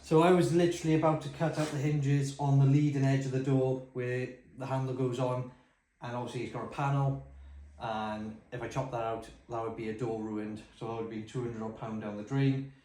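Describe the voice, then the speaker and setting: A man's voice: mid-range voice, fairly even intonation, brisk, dark tone. A man, a carpenter by trade, casually explaining his renovation work step by step as he goes. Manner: practical, explaining steps as he works. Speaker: builder and carpenter. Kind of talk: casual DIY vlog narration. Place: bungalow room under renovation, indoors. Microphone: phone held while working. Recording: echoey bare room, faint noise.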